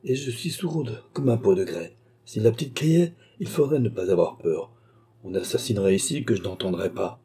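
A man's voice: on the low side, animated, normal speed, dark tone, breathy edge, heavily acted. A man voicing a sly old deaf woman landlady in a storybook, offhand and knowing.

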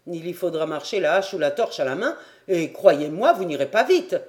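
An audiobook reader voicing a male quartermaster guide who speaks in a firm, calm and assured way. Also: mid-range voice, moderate pace, natural voice. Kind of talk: audiobook character voice.

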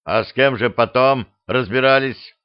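A man voicing a hulking male henchman who talks in a booming, plodding way, on a slightly dull recording. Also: moderate pace, clean tone, no room sound, close to an everyday voice. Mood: puzzled.

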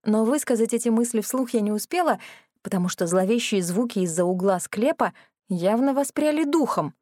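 A woman's voice: a little high, animated, normal speed, mellow, dry recording, studio quality. A woman narrating a comic fantasy audiobook in the first person, wry and sarcastic.

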